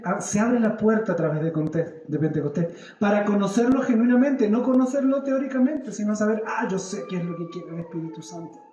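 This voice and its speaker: A man's voice: high voice, muffled recording, slight background noise. A man, a pastor giving a sermon, telling stories from his own life and asking the congregation questions. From Chile. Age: 30s. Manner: animated storytelling, acts out his own prayers and questions the congregation. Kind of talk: church sermon. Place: church service. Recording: echoey church hall.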